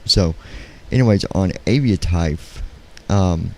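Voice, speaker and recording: A man live-streaming in casual, halting talk, keeping his voice quiet at night so as not to wake anyone. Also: deep voice. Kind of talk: casual chat, flight sim livestream. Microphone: handheld studio microphone.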